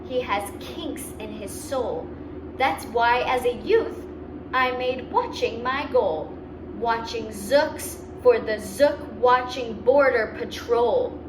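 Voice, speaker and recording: Reading slowly in a voice on the high side, a woman hosts a children's story session, delivering the tale expressively and pausing for simple asides aimed at young listeners. The mic is distant, giving a roomy sound with noticeable background noise.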